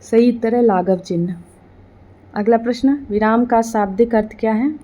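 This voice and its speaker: A woman presenting an exam-preparation quiz, reading each question and then its answer in a steady, formulaic delivery. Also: a little high, moderate pace.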